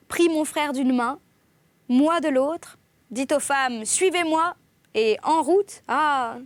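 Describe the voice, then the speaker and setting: High-voiced woman reading a novel aloud. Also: no echo. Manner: expressive, lifts her voice on exclamations. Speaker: audiobook reader.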